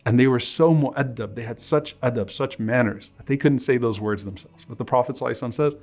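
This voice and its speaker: A man's voice: medium pitch, fast, darkish tone. A man preaching a sermon, earnestly and emotionally retelling a story and mixing quoted Arabic into his English.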